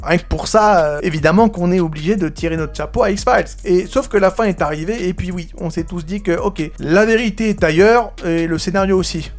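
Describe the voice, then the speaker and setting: A man's voice: sits high, brisk. A man, hosting a casual, sarcastic commentary on TV series. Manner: sarcastic, mocking, playful. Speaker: YouTube host reviewing TV series. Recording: faint music behind the voice.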